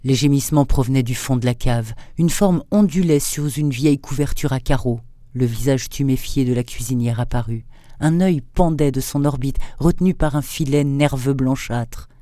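A man presenting and reading a thriller excerpt aloud in a measured, steady narration. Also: medium pitch, dry recording, studio quality. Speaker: radio book reader and presenter.

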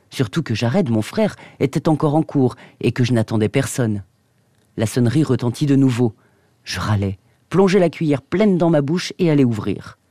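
Male radio presenter reading fiction aloud; measured, mellow, dry booth sound. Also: mid-range voice, no echo. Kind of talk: reading a novel excerpt aloud.

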